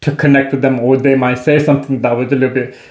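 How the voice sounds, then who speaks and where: Echoey, even-toned man chatting casually. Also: mid-range voice, quick pace. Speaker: co-host of a couple's vlog. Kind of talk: casual conversational chat. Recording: echoey room, slightly dull sound.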